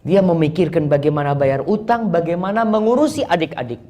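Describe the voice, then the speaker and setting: A man preaching a sermon and telling a story in an animated way, moving between plain narration and recited Arabic. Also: a little high, fairly quick.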